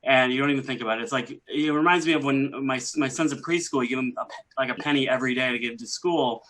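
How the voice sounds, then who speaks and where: A man's voice: medium pitch, fast, a bit bright, low-quality recording. Man, stand-up comic, rambling delivery, many restarts, video call audio. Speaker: stand-up comedian. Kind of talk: stand-up comedy set.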